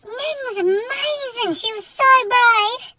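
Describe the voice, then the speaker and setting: A man doing a wide-eyed naive young guy, very high. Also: pushed and bright, heavily acted. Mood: awed. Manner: earnest, gushing, slow wide-eyed delivery. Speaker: comedy sketch character. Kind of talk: comedy skit acting.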